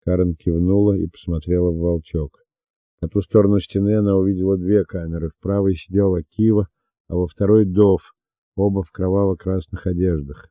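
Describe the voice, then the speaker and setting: A man narrating an audiobook in a measured, steady reading. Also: deep voice, dry recording. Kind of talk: scripted narration. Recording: dull dry lo-fi recording.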